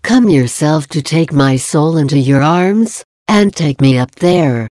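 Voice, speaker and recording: Brief: woman reading as a fervent pleading soul, slow and mellow, dry sound. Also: low-pitched, lively intonation, no echo. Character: devoted female soul pledging herself in sorrow. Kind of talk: devotional reading.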